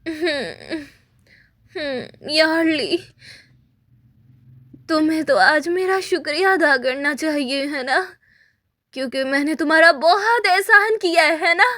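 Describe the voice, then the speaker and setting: A woman's voice: high voice, expressive, fairly bright tone, no echo, exaggerated voice. A clingy, pleading young woman. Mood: whiny, fretful. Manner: whiny, coaxing, drawn-out pleading. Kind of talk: Hindi dub of a TV drama.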